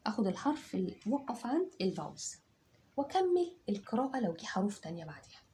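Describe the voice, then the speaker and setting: Lively Egyptian woman teaching phonics. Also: medium pitch, fast talker. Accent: Egyptian Arabic. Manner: drills sounds aloud, repeats and checks understanding. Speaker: English teacher. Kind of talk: phonics lesson for children.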